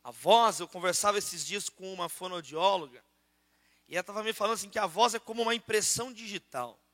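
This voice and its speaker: A man with a Brazilian Portuguese accent preaching a sermon and praying in a church auditorium, switching between loud prayer and softer asides. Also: sits high, brisk, long reverb tail. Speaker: pastor.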